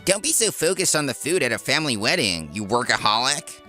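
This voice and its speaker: A man's voice: mid-range voice, sing-song, brisk, sharp tone, soft background music. A man voicing a smug, spiteful younger brother in a comic dub. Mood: spiteful, annoyed. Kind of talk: comic dub character acting.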